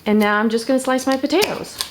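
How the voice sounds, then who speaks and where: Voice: high-pitched, quick pace, noisy background. A campy drag-queen host with a theatrical, affected delivery, chatting through a cooking demonstration.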